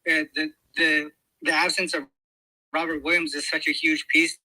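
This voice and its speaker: A man giving casual basketball betting analysis, halting with many fillers and restarts. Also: on the high side, flat delivery, pushed and bright, dry recording, poor audio. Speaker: betting show guest analyst.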